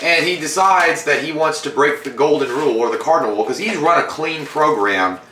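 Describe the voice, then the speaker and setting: A man's voice: on the high side, lively intonation, brisk, very noisy. A man in his thirties co-hosting a casual, sweary review at a table with a shared microphone. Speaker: movie and food review co-host. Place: room at home, indoors. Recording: roomy, distant microphone sound.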